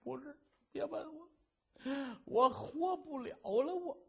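A man's voice: extremely high pitch, slow, gravelly, pitched above the performer's own voice, full character voice. A male storyteller voicing a grieving, ashamed young wife who pleads tearfully and breaks off mid-sentence. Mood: distraught. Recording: dull lo-fi recording.

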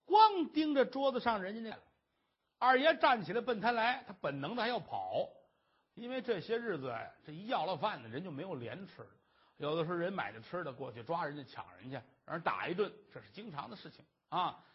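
A man performing traditional Chinese storytelling, lively and dramatic, on a dull lo-fi recording. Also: fairly quick, breathy edge. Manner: lively, dramatic, shifting pitch.

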